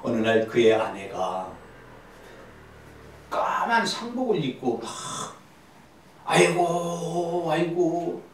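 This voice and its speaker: Emphatic pastor preaching in an echoey church. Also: male voice, fairly low pitch, wildly swooping pitch, slow pace, long pauses, a little hiss or hum. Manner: emphatic, repeats key words, prompts the congregation. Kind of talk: Bible seminar sermon with call-and-response. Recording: distant echoey church recording.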